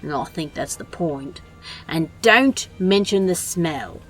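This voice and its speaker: A woman's voice: low-pitched, animated, slow pace, faint music behind. A woman voicing a sardonic, bossy male demon in a fan audio drama, talking in a dry, exasperated, scolding way.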